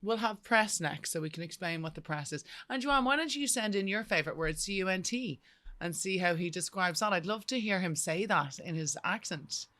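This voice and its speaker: A woman's voice: fairly low pitch, lively intonation, a little fast, fairly bright tone. A woman co-hosting a podcast, chatting casually and teasing her friend. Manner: teasing, laughing. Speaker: podcast co-host. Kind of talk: casual chat.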